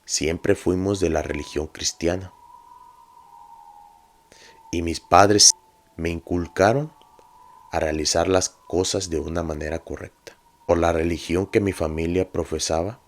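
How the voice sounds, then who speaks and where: Male narrator for a paranormal tale; low voice, unhurried, earnest. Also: fairly even intonation. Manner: measured, earnest and confiding. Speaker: storyteller.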